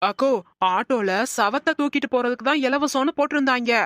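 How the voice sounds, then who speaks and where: A high-pitched, earnest young woman in a cartoon comedy. She is naive and full of schemes, pleading and eager. The sound is dry and close. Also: fairly quick, a bit bright, no room sound. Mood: scheming. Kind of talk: animated comedy voice acting.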